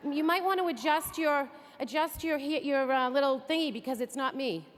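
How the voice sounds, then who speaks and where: A woman's voice: high-pitched, normal speed, slight background noise. A woman from the area, giving an upbeat, chatty training talk to an audience. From Greater Boston area. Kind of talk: enthusiastic stage presentation. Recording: echoey hall.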